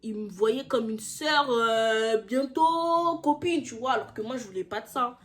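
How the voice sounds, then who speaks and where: A young woman telling a personal story in a casual, slangy way, getting heated and throwing in quick asides. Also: on the high side, a bit bright.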